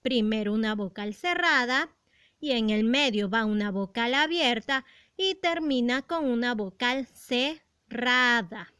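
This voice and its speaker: A woman gives a grammar lesson for young pupils, speaking slowly and deliberately with a smooth, crisp voice. She poses rhetorical questions as she explains. Her voice is fairly high and sounds close and dry, with no room echo. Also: lively intonation, pushed and bright. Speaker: primary school teacher.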